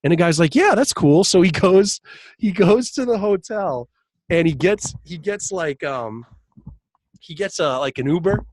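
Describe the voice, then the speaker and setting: A man with a somewhat high voice tells a long story in a relaxed podcast conversation. He laughs often and jumps his voice up when acting out what others said. The sound is dry and close to the mic. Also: measured pace, no echo. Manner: animated, laughs often, acts out quotes in raised voice. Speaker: podcast guest, hypnotist. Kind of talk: casual storytelling chat.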